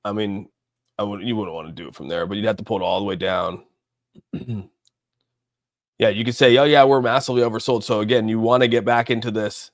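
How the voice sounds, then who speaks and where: With a lowish voice, the man running this casual livestream talks fairly quickly but pauses often, rambling about crypto markets and replying to viewers as he thinks aloud. The sound is clean studio audio with no room sound.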